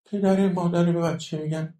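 A man's voice: high-pitched, steady tone, dark tone, roomy sound. A man giving a religious talk on education, explaining points and checking in with rhetorical questions to his listeners. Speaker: religious lecturer.

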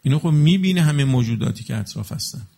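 Male preacher, husky rough timbre, casual teaching delivery that drops into slow chanted blessings. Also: medium pitch, expressive, darkish tone. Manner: explains with everyday examples and rhetorical checks on listeners. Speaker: religious preacher. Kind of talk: colloquial religious talk to an audience.

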